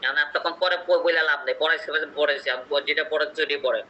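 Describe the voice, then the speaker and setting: A man's voice: a little high, steady tone, fast talker, sharp tone, lo-fi sound, slight background noise. A man teaching an online English pronunciation class in a conversational way, often checking in with his students.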